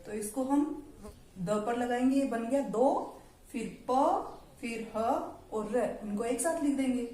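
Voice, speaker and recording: Woman, primary school teacher, slightly high voice, patient syllable-by-syllable explaining, roomy echoey sound. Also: a little slow, warm tone. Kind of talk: online Hindi lesson for young children. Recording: echoey room.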